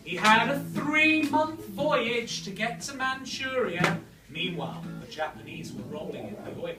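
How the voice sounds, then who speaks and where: A woman's voice: on the high side, lively intonation, measured pace. A woman telling a comic history story in a half-sung way, often breaking into laughter. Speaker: performer. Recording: echoey room, far from mic. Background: guitar playing.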